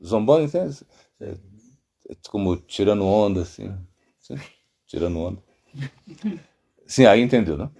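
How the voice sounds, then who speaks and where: A man's voice: lowish voice, lively intonation, normal speed, gravelly, long pauses, mellow. A middle-aged man with a Brazilian Portuguese accent, a monk giving an informal spiritual talk, rambling, with many fillers and restarts. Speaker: monk teaching.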